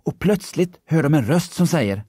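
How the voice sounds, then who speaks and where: A man narrating a children's story, expressive and storytelling. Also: fairly high pitch, breathy edge, no room sound, clean studio sound.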